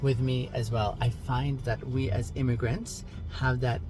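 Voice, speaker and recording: A man's voice: mid-range voice, flat delivery, unhurried. A man from Ethiopia, a rideshare driver, chatting with a passenger in an articulate, reflective way. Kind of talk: casual conversation. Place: car. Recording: car interior with loud background music. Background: loud music.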